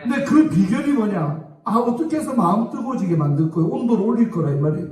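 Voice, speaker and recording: Casting: high-voiced pastor, mellow tone, echoey church hall, distant mic. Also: male voice, animated, quick pace. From South Korea. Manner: emphatic, repeatedly asking the congregation for amens. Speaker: senior pastor. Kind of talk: sermon. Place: church sanctuary.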